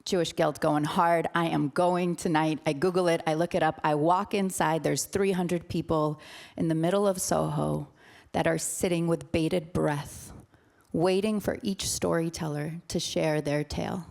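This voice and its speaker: A woman's voice: deep voice, fairly even intonation, normal speed, vocal fry, a little mellow. A woman in her thirties telling a personal story on stage in a dramatic, vivid way.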